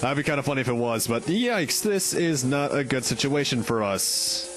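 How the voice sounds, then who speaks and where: A man's voice: medium pitch, lively intonation, moderate pace. A man hosting a let's play, giving casual commentary on a video game. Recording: game music behind the voice. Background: game music.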